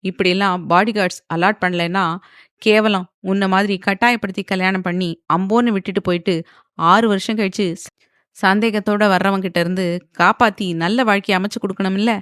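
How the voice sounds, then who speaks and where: A woman's voice: mid-range voice, fairly quick, no room sound, studio quality, lightly acted. A woman voicing a proud young woman who answers back angrily and sarcastically, in an audio novel. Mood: defiant. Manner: angry, sarcastic.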